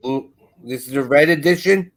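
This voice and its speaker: A man's voice: on the high side, moderate pace. A man calling auction lots over a video call whose audio keeps breaking up, so his words come through in short fragments. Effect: choppy, breaking-up video call audio. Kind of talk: live online auction calling.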